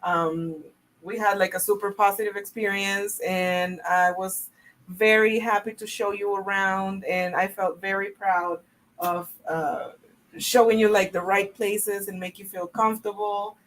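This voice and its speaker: A woman's voice: medium pitch, little pitch movement, a little slow, fairly bright tone, poor audio. A woman from El Salvador, co-hosting a live stream, talking earnestly and at length with many fillers. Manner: earnest, apologetic, filler-heavy. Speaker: co-host answering live chat. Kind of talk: casual livestream chat.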